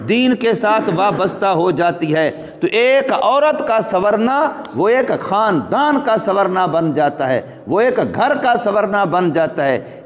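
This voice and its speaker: A man preaching a sermon as an Islamic scholar, building emphasis and drawing out recited verses. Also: high voice. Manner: preaching with rising emphasis and drawn-out Quranic recitation. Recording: echoey hall reverb.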